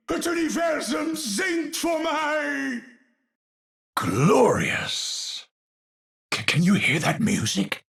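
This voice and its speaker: This Dutch-accented astrophysicist from a video game sounds awestruck and unhinged, his voice exaggerated, a bit bright, slightly rough and breathy. He moves slowly and deliberately, and his enormous pitch range makes his theatrical, professorial wording grandiose and unstable.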